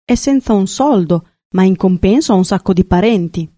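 A woman's voice: mid-range voice, expressive, normal speed, dark tone, no room sound, studio quality, lightly acted. A woman voicing a flock of gossiping swallows in a storybook reading. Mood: mocking. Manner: chattering, mocking.

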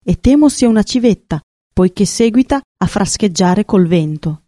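A woman's voice: mid-range voice, lively intonation, warm tone, no room sound, clean studio sound, lightly acted. A woman voicing an impulsive, vain young male swallow in a storybook reading. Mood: complaining. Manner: brisk, fussy, self-important.

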